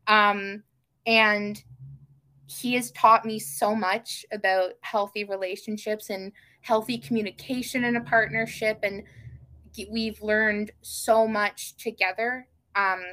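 Bright young woman, enthusiastic guest. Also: mid-range voice, steady tone, slow. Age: young adult. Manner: enthusiastic, many ums and restarts. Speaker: podcast guest. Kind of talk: casual podcast chat.

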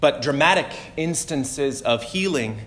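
A man preacher reading a gospel passage and then giving a sermon in a measured, solemn manner. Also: mid-range voice, expressive, fairly bright tone.

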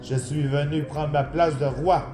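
A man's voice: on the high side, fairly even intonation, unhurried, natural voice. Proud young lion prince, read by a man. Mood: defiant. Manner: forceful, roaring declarations. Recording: roomy, clear background music.

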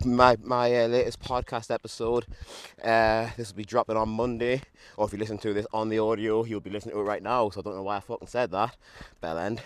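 A man's voice: medium pitch, smooth, dry recording. A young man, hungover and still a bit tipsy, talking bluntly and swearing freely in a casual, self-mocking monologue as he walks. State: hungover, still a bit drunk after a run. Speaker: podcaster. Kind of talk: casual walking monologue to camera. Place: outdoors, walking along a street. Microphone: handheld microphone and camera. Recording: noisy outdoor recording with traffic.

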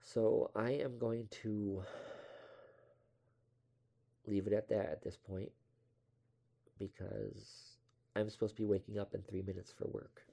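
A man's voice: on the low side, flat delivery, slow pace, creaky, long pauses, dark tone. A young man casually telling a rambling story from his past, offhand and self-deprecating, swearing now and then.

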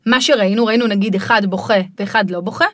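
A middle-aged woman guiding parents in a podcast conversation, explaining in a lively way and sometimes mimicking children's voices. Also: medium pitch, dry recording, clean studio sound. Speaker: parenting guide.

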